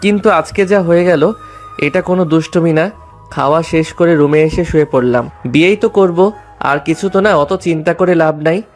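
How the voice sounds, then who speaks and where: A man with a voice on the high side narrates a dramatized story in the first person at a normal speed, acting as both narrator and lead character. Music plays behind his voice.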